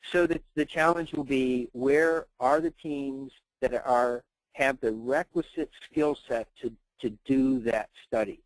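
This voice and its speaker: A man's voice: mid-range voice, fairly even intonation, unhurried, few pauses, no room sound, poor audio. Dry-voiced man answering webinar questions. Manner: hesitant, many fillers and restarts. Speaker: clinical trial expert answering questions.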